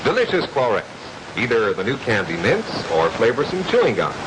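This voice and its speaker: A man announcing an emphatic, upbeat sales pitch in a 1950s TV commercial, heard through noisy old broadcast audio. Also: huge pitch swings, normal speed. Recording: hissy old TV soundtrack.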